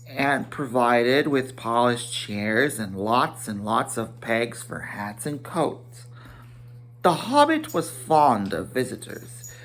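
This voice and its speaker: Reading a children's fantasy storybook with dramatic flair and heavy emphasis, a man occasionally trips over the words. He has a mid-range, somewhat bright voice.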